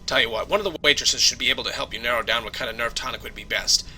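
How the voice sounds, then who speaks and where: A man's voice: mid-range voice, racing, bright, forceful tone, faint music behind. A man voicing a world-weary male bartender at a busy space trade station, speaking dryly and patiently. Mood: lecturing. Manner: dry, patient, lecturing.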